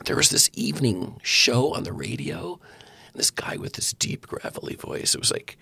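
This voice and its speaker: A middle-aged man with a hoarse, weak voice hosting a podcast chat, joking about himself as he talks. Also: mid-range voice, sing-song, moderate pace, sharp tone, no echo. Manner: joking, self-deprecating. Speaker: podcast host. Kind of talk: casual chat.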